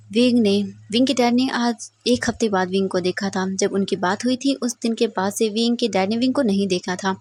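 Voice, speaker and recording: A woman retelling a fan fiction story in steady, plain narration. Her voice is breathy at a middle pitch. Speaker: fanfiction storyteller.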